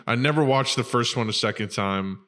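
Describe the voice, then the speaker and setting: A man's voice: mid-range voice, a little fast. A man around thirty chatting casually on a podcast, swearing freely and acting out movie characters. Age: 30s. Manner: profane, animated, acts out movie characters. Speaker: podcast host. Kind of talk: casual chat.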